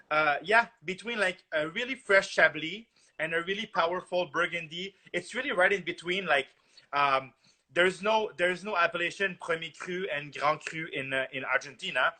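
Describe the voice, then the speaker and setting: A man hosts a relaxed wine podcast over a video call. He talks in halting bursts, full of restarts and "uh"s. His voice is bright and sits a little high. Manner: halting, many restarts and "uh" fillers. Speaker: podcast host, wine enthusiast. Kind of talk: casual podcast interview.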